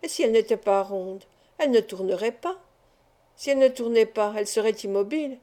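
A woman's voice: fairly high pitch, brisk, mellow, close to an everyday voice. A woman voicing a clever small male street acrobat who speaks in a teasing, sententious way.

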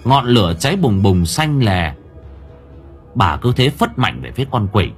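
A male audiobook narrator tells a ghost story in a low, husky voice. His delivery is lively and dramatic, with soft music playing underneath. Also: a little slow. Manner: expressive, dramatic. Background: soft background music.

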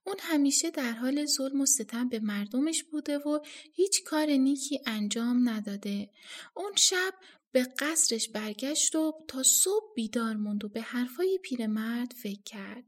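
Female audiobook narrator, high voice, calm expressive storybook reading.

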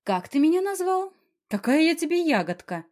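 A woman's voice: animated, normal speed. A woman reading an audiobook and voicing a feisty young woman who protests indignantly in a raised voice. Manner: indignant, higher bright tone.

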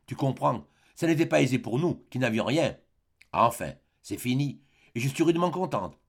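A man's voice: medium pitch, lively intonation, moderate pace, husky. A man voicing a worn-down proud woman.

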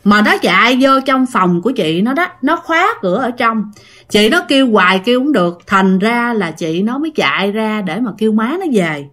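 A woman tells a ghost story in a chatty, casual way, talking straight to her listeners. Her mid-range voice is expressive and fairly bright, moving at a normal speed.

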